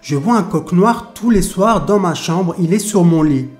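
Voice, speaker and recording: A man's voice: high-pitched, animated, a little slow, a little mellow, faint music behind. A man voicing a little boy who insists he sees something on his bed every night. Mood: earnest.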